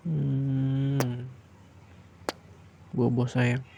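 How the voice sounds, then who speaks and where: A man doing a soft, soothing bedtime boyfriend roleplay in a close, intimate way, sometimes slipping into a breathy whisper. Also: medium pitch, completely flat delivery, extremely slow, background noise.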